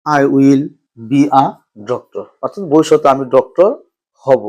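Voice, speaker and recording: A Bangladeshi man giving an English lesson in a very slow, unhurried delivery. His voice sits at an ordinary middle pitch, and he patiently repeats every phrase piece by piece. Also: a little mellow. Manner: patient, drawn-out, repeats each phrase slowly. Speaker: English teacher.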